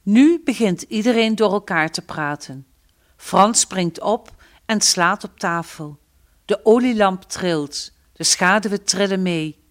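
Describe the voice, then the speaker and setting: Slow, measured woman storyteller. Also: on the low side, fairly bright tone. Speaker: narrator. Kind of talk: storybook reading.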